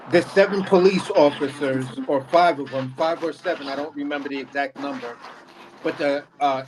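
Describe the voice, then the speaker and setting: A man with a slightly higher pitched voice co-hosting a political talk show. He makes his points emphatically, repeating phrases and cursing for force. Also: slight background noise. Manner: emphatic, profane, repeats himself. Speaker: co-host. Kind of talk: casual political commentary.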